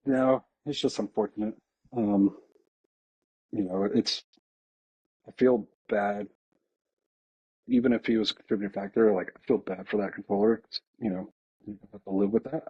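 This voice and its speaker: Speaking as an air traffic controller in a relaxed podcast conversation, an American man comes across as informal, reflective and hesitant. His slightly rough voice sits on the low side, keeps a steady tone at normal speed and pauses often, recorded dry on a slightly dull, lo-fi track.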